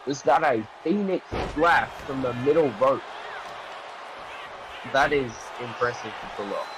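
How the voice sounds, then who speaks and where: A man doing wrestling play-by-play commentary, calling the action with excitable, dramatic phrases and rhetorical questions. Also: medium pitch, a little slow, a crowd in the background, background noise.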